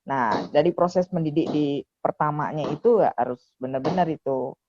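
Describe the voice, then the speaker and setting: A woman's voice: deep voice, normal speed, background noise. A woman lecturer giving firm, practical advice in a lecture and discussion. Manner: firm, advising, many "mm-mm" backchannels. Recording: dull dry lo-fi sound.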